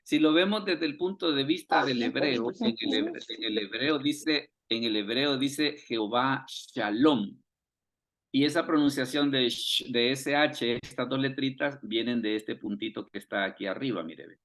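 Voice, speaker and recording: A man's voice: mid-range voice, moderate pace, hardly any pauses, a bit bright. Man teaching, full of rhetorical questions. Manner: keeps asking rhetorical questions and repeating phrases. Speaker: Bible study teacher. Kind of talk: online Bible study lesson. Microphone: video call.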